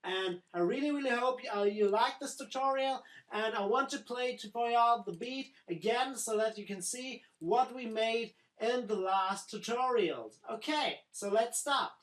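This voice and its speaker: Slow, echoey woman explaining software. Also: a little high. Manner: simple phrasing, doubling words like "very, very nice". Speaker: music production tutor. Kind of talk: screen-recorded software tutorial.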